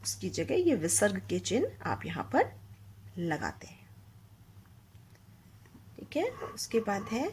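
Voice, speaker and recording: A woman's voice: medium pitch, big pitch swings, slow, long pauses, a little mellow, slight background noise. A woman teaching a Hindi grammar lesson to young children, explaining patiently, asking the class questions and mixing English words into her Hindi.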